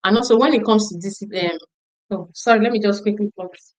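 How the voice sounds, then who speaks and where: A middle-aged woman gives a storytelling talk to a conference audience. She is earnest and emphatic, and she circles back on key phrases to drive them home. Her pitch sits mid-range for a woman. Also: brisk, poor audio. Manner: emphatic, repeats phrases for stress. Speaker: conference speaker on parenting.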